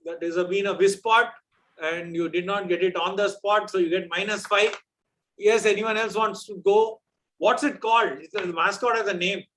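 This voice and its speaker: A man's voice: sits high, fairly even intonation, moderate pace, fairly bright tone, slight background noise, rough recording. A man with a South Indian accent hosts a live quiz, explaining off the cuff in a chatty, teasing way. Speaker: quiz host.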